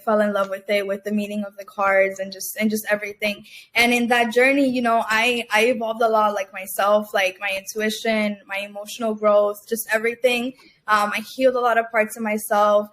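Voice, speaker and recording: A woman's voice: medium pitch, fairly even intonation, a little fast, a bit bright. A young woman from Cuba, a guest entrepreneur talking casually in an interview, chatty and full of fillers and restarts. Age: young adult. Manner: chatty, many fillers and restarts, laughs often.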